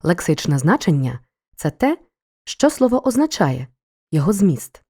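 A woman narrating a scripted school lesson for children, explaining each point in a clear, measured way. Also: on the low side, sing-song, warm tone. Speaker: teacher.

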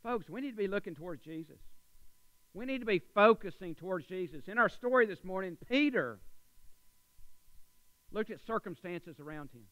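A male preacher with a Texan accent, delivering a folksy sermon to his church that climbs to loud, emphatic high points. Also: expressive, moderate pace, pauses often, dry recording, rough recording. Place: church sanctuary.

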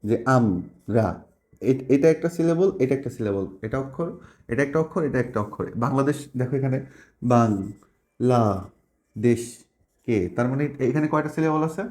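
A man teaches a grammar lesson in a mellow, dark voice, moving slowly from point to point. He keeps asking his listeners questions to check that they follow. The room gives his voice a noticeable echo. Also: mid-range voice. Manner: explains slowly step by step with many check questions. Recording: echoey room.

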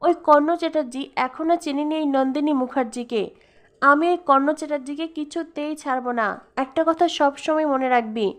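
A woman's voice: sits high, normal speed, close to an everyday voice. A woman reading the lines of a confident, protective older sister in a retold serial. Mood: assertive.

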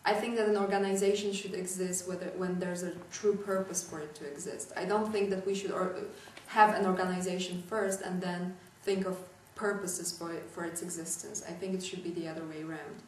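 A woman's voice: fairly low pitch, steady tone, brisk, few pauses, a little mellow, a little hiss or hum. A young woman from Poland gives a thoughtful, hesitant interview answer in an indoor room. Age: young adult. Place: indoor room with lamp and furniture. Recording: echoey room, distant mic.

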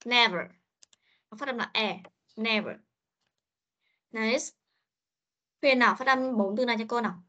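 A woman's voice: fairly high pitch, fairly quick, long pauses, sharp tone. A woman English teacher, giving an online pronunciation lesson and drilling each sound and word several times. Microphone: video call. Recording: muffled online meeting audio.

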